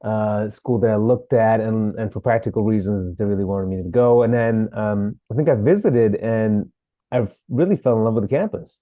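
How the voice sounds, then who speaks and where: A man from Sri Lanka, an actor, telling his story as a podcast guest in a relaxed way, with fillers. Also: fairly low pitch, moderate pace, no echo, narrow, tinny audio. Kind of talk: interview.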